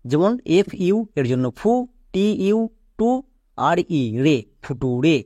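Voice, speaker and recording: A man's voice: sits high, expressive, slow pace, warm tone, dry recording, clean studio sound. A man, teaching English pronunciation step by step, asking himself a question and then answering it. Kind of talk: step-by-step spoken lesson.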